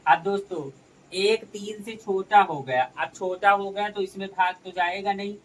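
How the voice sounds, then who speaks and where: A man's voice: high-pitched, a little slow, a bit bright, recorded from a distance, slight background noise, low-quality recording. A man teaching a maths lesson step by step, calling his viewers friends as he works through each sum.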